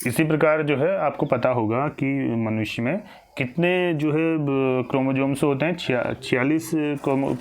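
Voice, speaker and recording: A man's voice: medium pitch, a little mellow. A man teaching a recorded exam-prep lesson. He asks questions and answers them himself, often restarting and repeating phrases.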